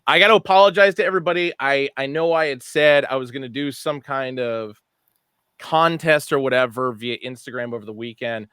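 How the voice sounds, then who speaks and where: A man co-hosting a casual online show about new hats, chatty and animated, often correcting himself mid-sentence. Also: medium pitch, fairly quick, clean tone, no room sound, clean studio sound. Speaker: co-host presenting hats. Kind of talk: casual product show talk.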